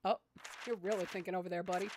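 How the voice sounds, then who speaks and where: A woman doing casual gameplay commentary as a streamer, with loud game music behind her. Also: lowish voice, fairly even intonation, fast talker, slight background noise.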